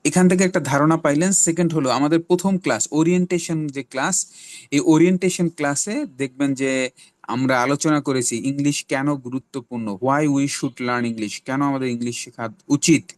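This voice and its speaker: A middle-aged Bangladeshi man teaching spoken English in an online class, giving slow, drawn-out English examples between explanations. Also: fairly high pitch, steady tone, no echo.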